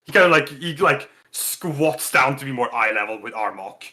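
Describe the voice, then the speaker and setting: A man's voice: mid-range voice, animated, moderate pace, bright, forceful tone. A man narrating a tabletop game as game master, rambling with lots of restarts. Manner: rambling, full of fillers and restarts, laughs often.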